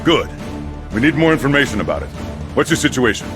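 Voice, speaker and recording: A man's voice: mid-range voice, sing-song, fast talker, music in the background, lightly acted. A man voicing a commanding but cautious royal military leader in an anime dub. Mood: brisk, commanding.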